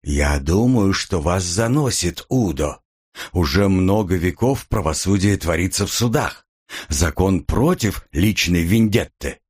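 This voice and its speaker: A man voicing a restrained police major who speaks firmly and calmly. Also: low voice, slightly rough, full character voice. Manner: measured, firm.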